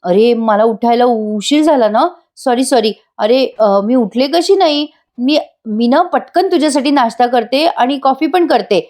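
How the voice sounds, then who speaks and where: A woman's voice: on the high side, unhurried, a little mellow, voice pushed up, lightly acted. A woman voicing a flustered, pleading young wife. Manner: begging, flustered. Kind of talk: voice-over review re-enacting serial dialogue.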